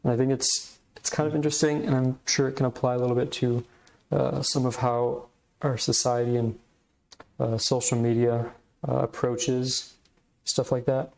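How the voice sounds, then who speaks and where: A man's voice: medium pitch, level tone, normal speed, creaky, darkish tone. A man hosting a podcast, giving casual, reflective commentary in hesitant, meandering phrasing. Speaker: podcast host.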